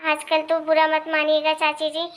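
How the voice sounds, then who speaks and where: A woman's voice: high-pitched, monotone, moderate pace, fairly bright tone. A woman voicing a meddling young married neighbor who gossips and gives pushy advice.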